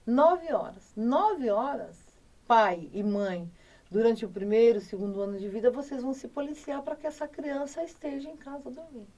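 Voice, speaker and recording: A woman's voice: a little high, normal speed, a little mellow, recorded from a distance. A middle-aged woman doctor with a Brazilian Portuguese accent, giving firm, emphatic parenting advice in a casual talk and speaking straight to her listeners.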